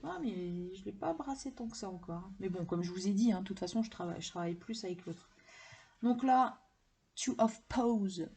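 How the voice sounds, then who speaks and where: A woman's voice: medium pitch, mellow, breathy edge. A woman chatting casually to camera, enthusiastic and rambling with many fillers as she shows her card deck collection. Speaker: tarot and oracle deck collector showing her decks.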